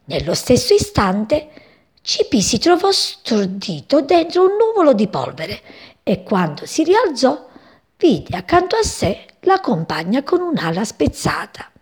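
With a fairly high, husky voice, a woman performs a children's story expressively at a measured pace.

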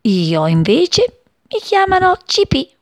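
A woman's voice: very high-pitched, wildly swooping pitch, takes it slowly, dry recording, pitched above the performer's own voice, full character voice. A woman voicing a curious, eager little male bird in a children's story.

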